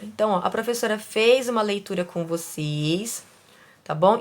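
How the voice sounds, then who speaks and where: A woman teacher speaking slowly and carefully, sounding out words syllable by syllable for young pupils and asking them questions. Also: fairly high pitch. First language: Portuguese. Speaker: primary school teacher. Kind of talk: slow, careful classroom instruction.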